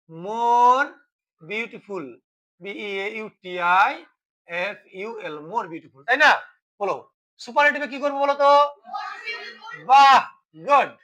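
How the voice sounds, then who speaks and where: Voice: medium pitch, sharp tone, low-quality recording. A teacher giving a classroom grammar lesson, asking questions and then answering them, and spelling words letter by letter.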